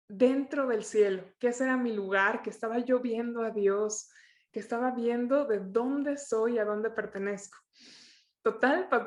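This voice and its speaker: A young adult woman, sharing a personal testimony in earnest, searching storytelling that often restarts its sentences. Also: a little high. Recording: echoey room.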